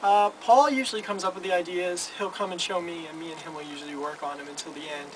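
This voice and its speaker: Brief: young male front man, rambling and stammering, voice a bit high, recorded from a distance in noise. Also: steady tone, fast, a bit bright. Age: 20s. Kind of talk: casual interview chat. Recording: noisy, from some distance.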